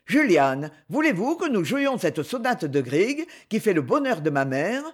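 Audiobook reading of a haughty young duke who speaks in short, commanding phrases, as a woman narrator gives him voice. The delivery stays a little lower and firm, with lively rises and falls in the line. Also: measured pace. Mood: peremptory. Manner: curt, commanding. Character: proud, curt young duke, a man.

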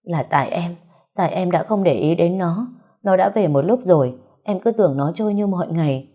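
A woman reading the lines of an anxious, tearful young mother in a storybook, soft and pleading. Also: on the low side, a little fast, close to an everyday voice.

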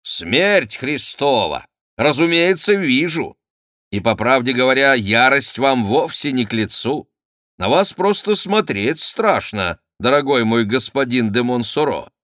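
A man's voice: mid-range voice, sing-song, unhurried, a bit bright, no room sound, clean studio sound, voice pushed up. A man reading an audiobook, voicing a mocking, politely insolent young nobleman in an ironic, teasing tone. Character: mocking cool young male courtier, a nobleman.

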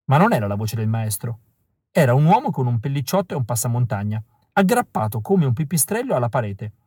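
Guy narrating an audiobook, steady middle voice, super dry recording. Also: medium pitch, a little fast, slightly rough, no echo. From Italy. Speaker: audiobook reader.

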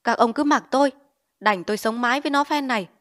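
A woman's voice: a little high, fast talker, a bit bright, close to an everyday voice. A woman voicing a hot-tempered male village chief, blustering and giving orders in a storybook reading. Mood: angry.

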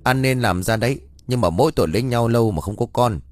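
A man's voice: medium pitch, fast talker, no room sound, lightly acted. A man voicing a grumpy, bossy older village sorcerer who scolds bluntly, in a read-aloud story.

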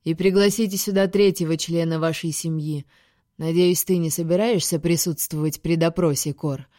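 A woman's voice: low-pitched, steady tone, moderate pace, dark tone, no echo, clean studio sound, lightly acted. A woman voicing a languid, venomous male alien overlord in an audiobook, drawling and sneering.

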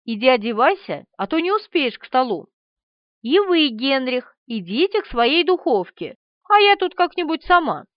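A woman's voice: high-pitched, sing-song, moderate pace, no echo. Natasha, a woman reading a bold, teasing young woman. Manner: bold, teasing, sharp-tongued. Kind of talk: audiobook character reading. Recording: dry, slightly dull studio recording.

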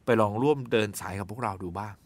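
A man's voice: fairly low pitch, quick pace. A man hosting a radio call-in show, chatting casually and politely with a caller. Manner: warm polite particles, frequent affirmations. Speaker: radio host.

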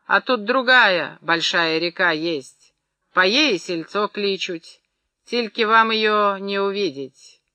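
A woman reading an audiobook, voicing a stocky greying peasant man who speaks slowly in village dialect. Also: mid-range voice, sharp tone, no room sound. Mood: wry. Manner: slow, dialect speech, wry.

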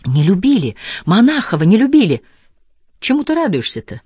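A woman reading a novel aloud and voicing an impulsive, quick-tempered young woman who scolds and teases. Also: mid-range voice, husky, no room sound, voice pushed up. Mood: teasing. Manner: lively, scolding, teasing.

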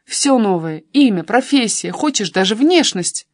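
A woman's voice: mid-range voice, animated, unhurried, no echo, studio quality, close to an everyday voice. A woman reading an audiobook and voicing a pushy young man who keeps coaxing and persuading his cousin. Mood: persuasive.

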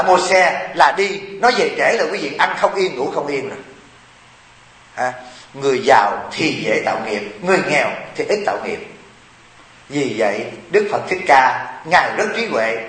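A man's voice: on the high side, fairly bright tone, roomy sound. A man, a Buddhist monk and abbot giving a humorous dharma talk to lay followers and often asking them "right?".

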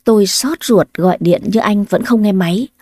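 A woman's voice: mid-range voice, normal speed, a little mellow, dry recording, studio quality. A woman narrating a first-person family drama, plaintive and emotional in her own lines. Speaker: storyteller.

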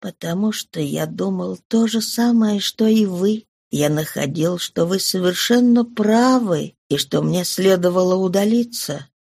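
A woman voicing a frail, humble elderly man in an audiobook reading, speaking quietly and slowly. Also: fairly low pitch, vocal fry, husky, no room sound, full character voice. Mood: subdued. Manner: quiet, slow, subdued.

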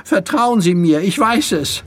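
A man's voice: high-pitched, big pitch swings, unhurried, slight background noise, voice pushed up. A man voicing a frantic, breathless teenage boy urgently giving a warning.

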